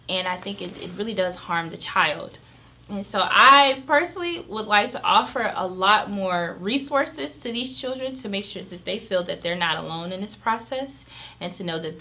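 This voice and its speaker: A woman who is a pediatric emergency doctor, giving measured, earnest answers in an interview. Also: fairly low pitch, vocal fry, sharp tone, a little hiss or hum, rough recording.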